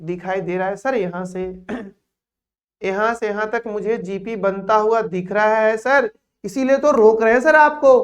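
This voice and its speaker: A man's voice: sits high, fairly even intonation, measured pace. A male teacher voicing an eager young student who interrupts him in class.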